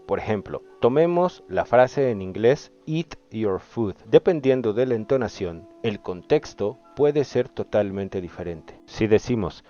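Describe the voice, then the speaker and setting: A young man with a fairly low voice narrates a scripted lesson in a measured, explanatory way. The voice-over sounds dull and lo-fi, with faint music underneath. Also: darkish tone. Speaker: student presenter.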